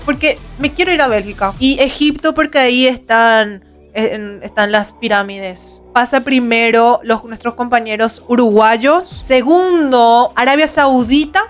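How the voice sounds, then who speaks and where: A young woman with a fairly high voice and a Paraguayan accent talks like a cute anime streamer. Her delivery is playful and casual, as if commenting to viewers. Music plays behind her. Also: a little slow. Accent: Paraguayan Spanish. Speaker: VTuber streamer.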